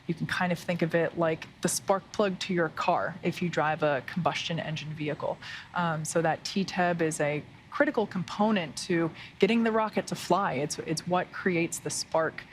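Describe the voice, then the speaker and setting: A woman giving live launch commentary, explaining things plainly in a halting way. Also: sits low, fairly even intonation. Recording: faint background noise.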